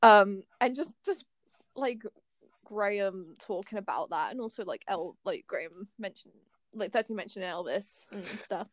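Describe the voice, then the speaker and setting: A young woman chatting on a fan podcast, rambling and excited, her sentences tumbling out with lots of fillers and restarts. Her voice sits at a middle pitch and is recorded close and dry, with no room sound. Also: unhurried, dry recording. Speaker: podcast co-host. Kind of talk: casual fan podcast chat.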